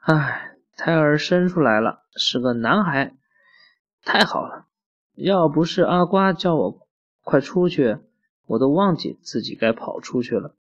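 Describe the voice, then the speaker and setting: A man voicing a bossy little girl who plays house in a storybook reading, his voice lifted higher. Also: animated, a little slow, fairly bright tone, heavily acted. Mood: pretend-grown-up. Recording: muffled lo-fi recording.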